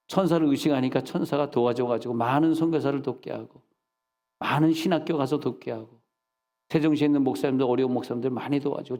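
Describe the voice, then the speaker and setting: A middle-aged man preaching in a church service, telling animated stories and scolding with mock insults. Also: mid-range voice. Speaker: senior pastor. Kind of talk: sermon. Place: church sanctuary. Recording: long reverb of a church hall.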